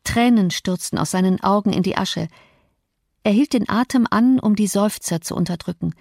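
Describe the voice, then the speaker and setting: A woman narrates a literary audiobook with a measured, expressive delivery. She reads at an ordinary middle pitch. The recording is dry and close, with no room sound. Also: gravelly, dry recording. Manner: measured, expressive reading with voiced quotes.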